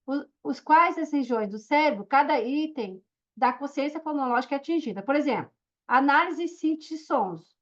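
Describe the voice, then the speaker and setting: A woman's voice: high-pitched, lively intonation, moderate pace, muffled recording. A woman teaching a recorded online course, explaining step by step and often checking in with her listeners. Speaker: course instructor.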